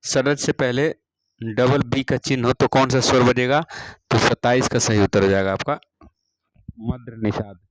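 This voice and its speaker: A man at a middle pitch takes students through practice exam questions on music. He says each question twice and settles every answer with a steady "all right". His voice sounds close and dry, with no room echo. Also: moderate pace. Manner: repeats each question, fills with "theek hai ji". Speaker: music teacher.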